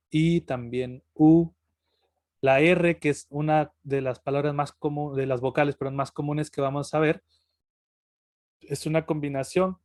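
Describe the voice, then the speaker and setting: Man, workshop teacher, halting relaxed delivery, mid pitch, close dry sound. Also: dry recording. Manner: relaxed, halting, many fillers and restarts. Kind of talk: online workshop lesson.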